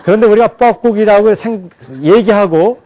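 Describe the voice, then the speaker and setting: This English teacher has a fairly high, warm voice and talks at a moderate pace. He is lecturing to a live class, repeatedly asking the students questions and then answering them himself.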